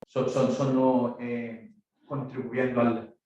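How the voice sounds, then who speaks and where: A native Spanish-speaking man with a Spanish accent gives a conference address as guest speaker, haltingly searching for words in a language not his own. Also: medium pitch, little pitch movement, a little mellow, muffled recording. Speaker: guest speaker, maritime law institute director. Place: echoey conference room. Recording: very echoey room, distant microphone.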